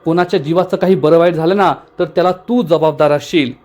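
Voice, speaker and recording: A furious, scornful woman boss, as a man reads her lines aloud. Her voice sits high and she scolds and taunts without letting up. The tone stays plain and spoken, like a storyteller recounting a TV serial. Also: a little fast, a little mellow, natural voice. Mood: angry scolding.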